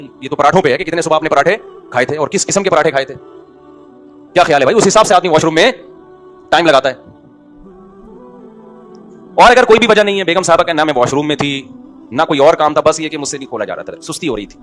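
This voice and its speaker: A man's voice: fairly high pitch, a bit bright. A middle-aged male Islamic preacher giving a conversational sermon, telling everyday anecdotes with wry jokes and rhetorical questions to his listeners. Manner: wry, joking asides.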